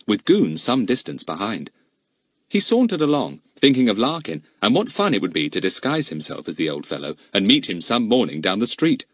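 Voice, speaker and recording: Male storybook narrator, husky, very lively pitch, dry close sound. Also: no room sound. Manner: expressive, animated reading. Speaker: audiobook narrator.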